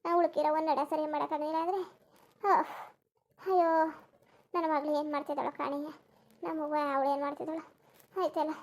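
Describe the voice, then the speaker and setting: Girija, shrill bitter old mother-in-law. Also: fairly even intonation, a little fast, pauses often. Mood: moaning, self-pitying. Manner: wailing, moaning and cursing under her breath. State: in pain with a hurt back. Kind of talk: cartoon voice acting.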